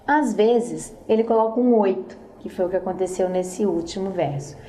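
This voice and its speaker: A woman's voice: medium pitch, moderate pace, mellow. A woman teacher explaining poetry scansion in a recorded lesson, speaking straight to the student and often checking in with short tag questions.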